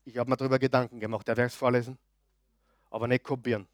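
A male pastor delivers a sermon in a mid-range voice, booming out key phrases and then dropping to soft, confiding asides. He keeps turning to the congregation with questions. The sound is dry and close, with little room echo. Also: little pitch movement, racing. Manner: emphatic, swings between loud declarations and quiet asides; asks the audience frequent questions.

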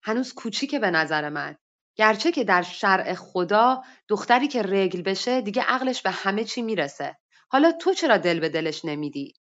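A woman's voice: medium pitch, lively intonation, fairly bright tone, lightly acted. A woman voicing an older, pious woman who speaks in a firm, admonishing way, in dull lo-fi online audio. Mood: gentle. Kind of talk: story reading.

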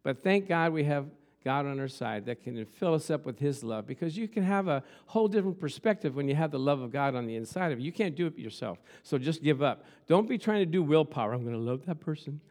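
A man's voice: a little high, expressive, brisk, hardly any pauses, darkish tone. A man preaching a conversational motivational sermon, emphatic, with repeated phrases, rhetorical questions and humorous storytelling.

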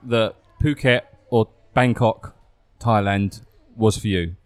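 A man's voice: fairly low pitch, slow, clear, resonant tone, no room sound. A man hosting a casual podcast interview, asking questions with teasing jokes. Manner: joking, teasing. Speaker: podcast host.

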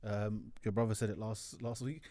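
A man's voice: fairly low pitch, little pitch movement, normal speed, over a noisy crowd. A young man with an urban London roadman accent chatting casually about sport as a podcast co-host, ranting in slang and repeating himself in exasperation.

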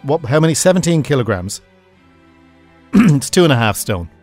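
A man hosting a casual chat, lively and quick to restart his sentences. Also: a little high, faint music behind. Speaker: host.

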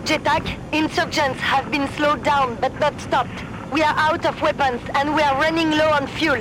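Une comédienne qui joue une femme pilote de chasse, cheffe de patrouille, parlant par radio casque dans le cockpit avec un ton net de procédure radio. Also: female voice, sits high, fairly even intonation, a little slow, background noise. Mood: tense. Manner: crisp clipped radio procedure talk. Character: woman fighter pilot, calm patrol leader. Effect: pilot talking over a cockpit headset radio.

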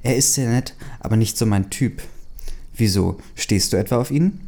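A man's voice: on the low side, moderate pace, vocal fry, dark tone. A man reading the lines of a blunt, teasing teenage schoolgirl in a plain, questioning reading voice.

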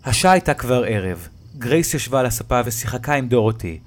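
A man narrating a scary first-person story at a mid pitch. He reads in a measured way and pauses for effect on the tense moments. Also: expressive.

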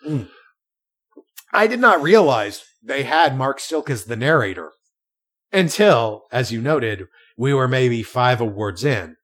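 A man talks on a podcast in a relaxed, conversational way. His pitch swings widely as he tells the story, and he often stops and restarts his sentences. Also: slow. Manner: animated storytelling with frequent restarts. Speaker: podcast co-host. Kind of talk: casual chat.

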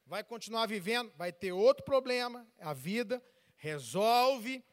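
High-voiced pastor preaching in a reverberant hall. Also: male voice, lively intonation, a little slow. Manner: preaching with call-and-response questions; acts out church members' voices while telling stories. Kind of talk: sermon. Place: large church. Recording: long reverb of a large hall.

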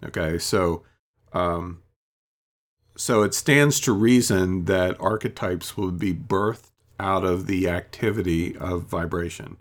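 Deep-voiced man musing on spirituality. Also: slow. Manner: rambling, reflective, many ums and asides. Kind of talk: casual spiritual monologue.

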